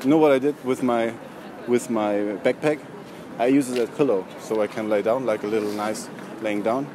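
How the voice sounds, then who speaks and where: A young man works as a street prankster, spinning an aimless, long-winded story. He pads it with fillers and refuses to be cut off. His mid-pitched voice sits in clear outdoor street noise. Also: fairly even intonation, moderate pace. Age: young adult. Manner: long-winded, filler-laden, keeps going over interruptions. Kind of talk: rambling, deliberately pointless storytelling to passersby. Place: outdoors on a busy city street. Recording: noisy busy street, traffic ambience.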